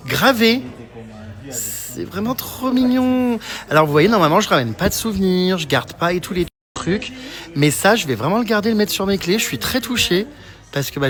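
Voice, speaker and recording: A man vlogging on his travels, chatty and teasing, excitable, filming on a handheld camera. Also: sits high. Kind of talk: travel vlog narration.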